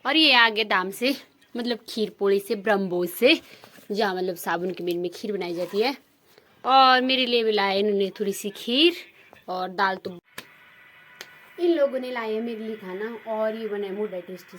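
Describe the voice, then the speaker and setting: Speaking in a Himachali Pahadi Hindi accent, this woman vlogs from her village, chatting loosely to viewers and filling gaps with fillers. Her voice is medium-pitched with a fairly bright tone.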